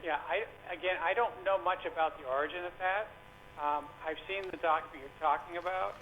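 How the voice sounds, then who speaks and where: A man's voice: fairly high pitch, fairly even intonation. Male caller over a landline phone. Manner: casual, hesitant, with many pauses and fillers. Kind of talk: phone-in talk show call. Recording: dull lo-fi phone line with faint hiss.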